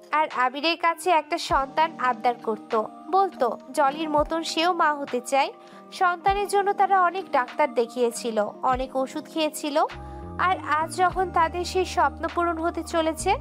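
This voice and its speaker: A woman narrating a scripted romantic audio story in an emotive, steady way. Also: high-pitched.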